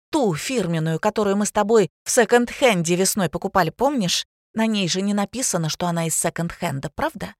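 A woman reading an audiobook voices an excitable young adult daughter who talks quickly and insistently. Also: medium pitch, dry recording, studio quality, close to an everyday voice.

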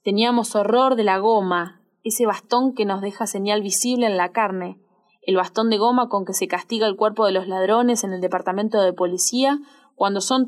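A woman with a Rioplatense accent narrating a literary audiobook in a measured, expressive reading. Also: medium pitch. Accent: Rioplatense Spanish. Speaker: audiobook reader.

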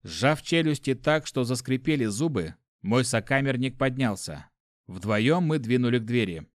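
A man reading a first-person adventure story aloud in a steady storytelling voice. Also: mid-range voice, normal speed, no echo, clean studio sound. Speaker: audiobook narrator. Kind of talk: first-person fiction narration.

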